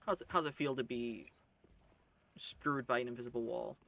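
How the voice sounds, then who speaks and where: A man's voice: mid-range voice, steady tone, moderate pace, creaky, a bit bright. A man chatting casually while playing a video game with a friend, easygoing and agreeable. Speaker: gaming co-host.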